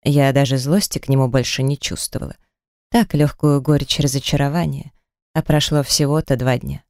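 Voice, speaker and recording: A woman narrating a first-person audiobook in a lively, expressive reading. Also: rumbling low, moderate pace, no echo, clean studio sound. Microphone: close studio mic.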